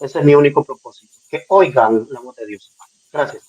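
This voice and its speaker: Hesitant preacher on dull call audio. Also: male voice, medium pitch, normal speed, a little mellow, husky. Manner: hesitant, many fillers. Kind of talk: debate participant.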